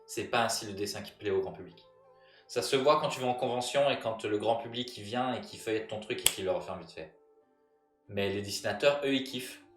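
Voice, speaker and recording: A man's voice: on the low side, fairly quick, echoey room, distant mic, soft background music. A man with a French accent chatting casually with viewers while streaming his illustration work, joking and mocking himself. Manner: joking, self-mocking, sarcastic. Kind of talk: casual livestream chat with viewers.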